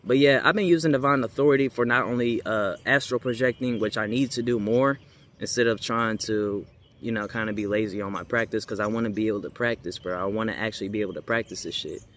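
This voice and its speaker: This young American spiritual creator talks fast in a fairly low, fairly bright voice, speaking unscripted to his viewers. The background is clearly noisy, and he rambles casually with slang and repeats things for emphasis.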